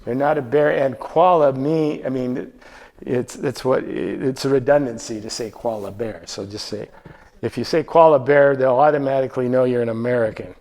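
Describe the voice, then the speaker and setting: A man's voice: medium pitch, steady tone, normal speed, a little mellow. A man presenting a slideshow travel talk to a live audience, conversational, asking the room questions and often restarting his sentences.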